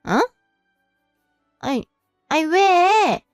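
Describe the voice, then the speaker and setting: A woman's voice: very high voice, lively intonation, extremely slow, no room sound, clean studio sound, faint music behind, heavily acted. A woman voicing a domineering elderly mother who scolds and gets flustered. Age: older.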